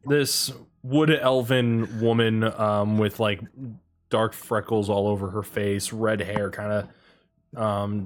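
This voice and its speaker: A man narrating as game master, rambling with many ums and crude casual humor. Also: fairly low pitch.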